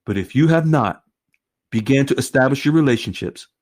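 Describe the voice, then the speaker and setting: A man hosting an online group call, animated and exclaiming often. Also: mid-range voice, fairly quick. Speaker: host.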